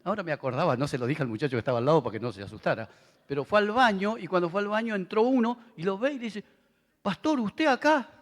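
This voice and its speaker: Argentine pastor preaching in a hall. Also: male voice, sits high, racing. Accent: Argentine Spanish. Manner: conversational preaching, animated with asides to the audience. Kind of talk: sermon. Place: large convention hall. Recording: long reverb of a big hall.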